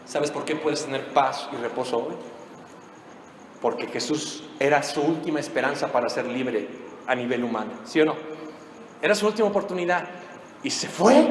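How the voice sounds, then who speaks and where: Male preacher, high bright voice, dramatic storytelling, very echoey church hall, long reverb. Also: moderate pace, pauses often, slight background noise. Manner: dramatic retelling, asks the congregation questions. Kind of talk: sermon.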